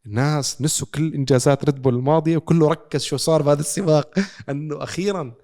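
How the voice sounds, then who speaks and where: Fast-talking Levantine Arabic man. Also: fairly high pitch, fairly even intonation, warm tone. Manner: storytelling with rhetorical questions. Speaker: podcast co-host. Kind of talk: animated casual sports recap.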